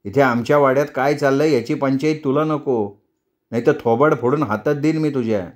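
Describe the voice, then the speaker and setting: A man's voice: medium pitch, fairly quick, close to an everyday voice. A man voicing a harsh, threatening woman who snaps sharply in a storybook reading. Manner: sharp, shouting scold.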